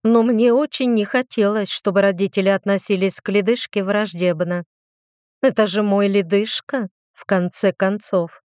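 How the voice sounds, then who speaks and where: A woman's voice: mid-range voice, steady tone, normal speed, darkish tone, no echo. Woman reading an audiobook, dry sound. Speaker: audiobook narrator. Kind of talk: scripted first-person narration. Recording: dry close recording.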